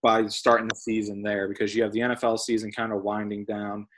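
A man's voice: fairly low pitch, level tone, fairly quick, slight background noise. A man hosting a casual sports podcast, steering topics and asking his co-hosts questions. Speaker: podcast host.

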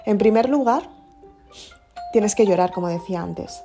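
A woman hosting a self-help podcast, talking calmly and directly to her listener in an encouraging way. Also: mid-range voice, normal speed, soft background music. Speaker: podcast host.

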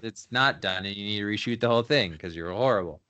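A man's voice: fairly low pitch, fast talker, sharp tone, clean tone. A man being interviewed as a photographer, talking in a laid-back, slangy way and laughing often. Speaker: photographer guest. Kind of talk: casual interview chat.

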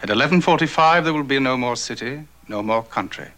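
An actor playing a bitter, domineering man in a vintage television drama, speaking with theatrical, deliberate menace. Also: medium pitch, background noise, natural voice. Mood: ominous. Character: bitter, vengeful, domineering man threatening his guests.

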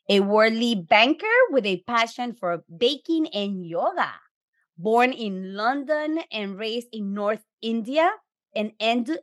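A woman podcast host, reading a scripted intro and then interviewing in an enthusiastic, effusive way. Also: mid-range voice.

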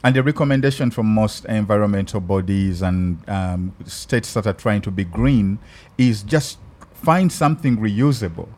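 A Ugandan man hosting a podcast in casual chat, thoughtful and halting, with many restarts. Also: lowish voice, animated, darkish tone. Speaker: podcast host.

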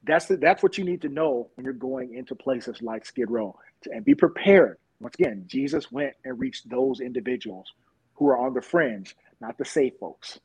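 A police officer guest telling stories in a lively way in an interview. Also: male voice, medium pitch, moderate pace, gravelly, husky, low-quality recording. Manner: lively, laughs at his own stories. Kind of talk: animated storytelling in an interview.

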